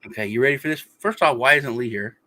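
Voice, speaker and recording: Man, casual podcast co-host, animated storyteller, mid-pitched voice. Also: fast talker, no echo. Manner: animated storyteller, acts out quoted arguments. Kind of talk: casual chat.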